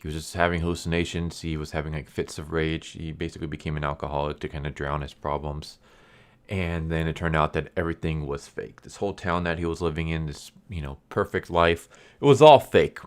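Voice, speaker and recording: Male reviewer, very low voice, non-native English speaker, R's come out as W's, stumbles over words, casual rambling delivery. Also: flat delivery, fairly bright tone, clear, resonant tone. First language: a language other than English. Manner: says w for r, slows down on r sounds. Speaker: comic book reviewer.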